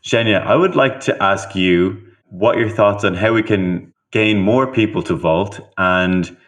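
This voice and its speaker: A man from Ireland, a podcast guest, nominating the next guest in an earnest, measured way. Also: lowish voice, fairly bright tone.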